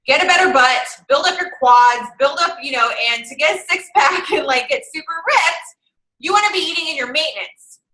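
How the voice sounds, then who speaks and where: A woman's voice: sits high, sharp tone, roomy sound, poor audio. A young woman coaching an online fitness group, chatty and encouraging as she works through calorie numbers aloud.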